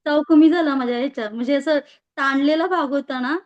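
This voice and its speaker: A woman taking part in an online class, describing her pain in plain, halting words over a video call. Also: sits high, a little mellow, no room sound. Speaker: class participant. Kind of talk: casual chat. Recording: dull, dry video-call audio.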